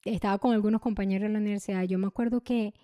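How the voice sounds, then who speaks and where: A young adult woman hosting a podcast, telling a personal story in an emotional, halting way with many restarts and repeated words. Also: mid-range voice, steady tone, dark tone, dry recording, clean studio sound. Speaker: podcast host.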